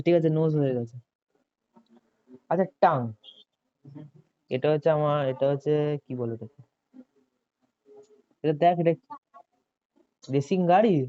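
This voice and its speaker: A tutor giving a chatty online coaching lesson, often asking students questions and checking if they follow. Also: mid-range voice. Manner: chatty, asks students questions and repeats "ঠিক আছে". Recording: dull lo-fi audio.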